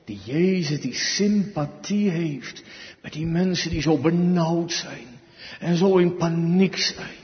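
A man preaching a sermon who swings between hushed, slow passages and loud, pleading cries. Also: a little high. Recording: dull sound with long hall reverb.

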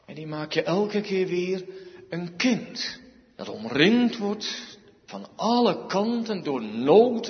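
A man's voice: high voice, long reverb tail, lo-fi sound. A male pastor preaching a sermon, emphatic, repeating key words and asking rhetorical questions.

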